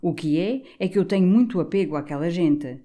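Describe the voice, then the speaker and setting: A man's voice: high-pitched, a little fast, close to an everyday voice. A woman doing a jovial gossipy old canon. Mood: animated, confiding. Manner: animated, confiding, doting. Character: jovial portly older male canon, gossipy.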